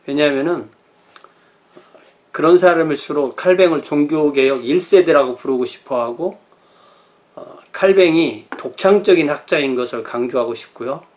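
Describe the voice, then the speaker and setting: A man's voice: fairly high pitch, normal speed. Middle-aged male pastor, history lecture, hesitant and self-correcting delivery, filler-heavy. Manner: thinking aloud with many fillers and self-corrections. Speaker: pastor teaching church history.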